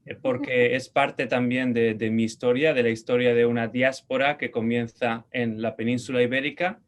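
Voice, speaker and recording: Giving a language lesson, a Spanish man speaks at medium pitch with fairly even intonation. He's patient, slowly repeating words to model pronunciation and asking brief check-in questions.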